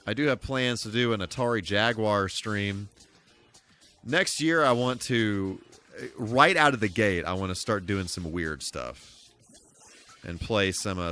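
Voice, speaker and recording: A man live streams a video game with music playing behind him, chatting casually with viewers in a fairly low, bright, forceful voice at a measured pace. He throws in playful exclamations and sing-song asides.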